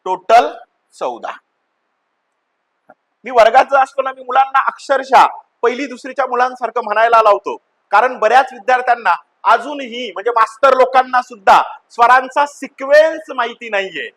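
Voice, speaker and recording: In an extremely high, fairly bright voice at normal speed, a man gives a grammar lesson like a classroom teacher. He chants the vowels one at a time, calls his students children, and answers his own questions.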